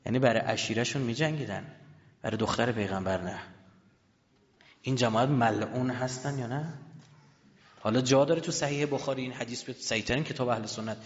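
A male preacher delivering an emotional sermon, rising to loud high cries and dropping to slow, hushed lines. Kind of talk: impassioned religious sermon, storytelling. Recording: reverberant hall, dull lo-fi sound.

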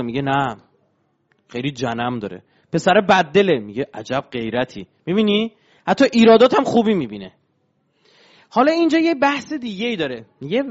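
A man with a high-pitched voice lecturing on religion. He explains his points patiently and keeps turning to his audience with rhetorical questions. The recording sounds dull and lo-fi.

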